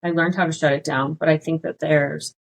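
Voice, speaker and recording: Low-voiced woman, blunt podcast co-host. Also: steady tone, a little fast, gravelly, poor audio. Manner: short supportive interjections, blunt. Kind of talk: casual chat.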